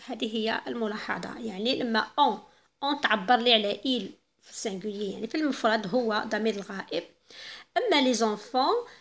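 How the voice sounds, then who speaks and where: Algerian lady teaching french to kids, slow on the french bits, bit of a gravelly voice. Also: a little high. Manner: mixes Arabic and French, slows down for French phrases. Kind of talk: recorded school lesson.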